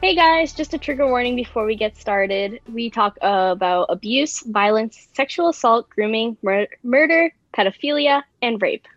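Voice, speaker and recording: A woman's voice: a little high, animated, normal speed, hardly any pauses, soft background music. A young woman presenting on a youth podcast in an informal, conversational way. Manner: peppers talk with "like". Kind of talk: informal discussion. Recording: slightly dull, roomy sound.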